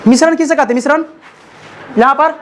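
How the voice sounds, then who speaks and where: A man's voice: extremely high pitch, fast. A man teaching a classroom science lesson, constantly prompting his students to answer back. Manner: call-and-response, keeps prompting students to answer.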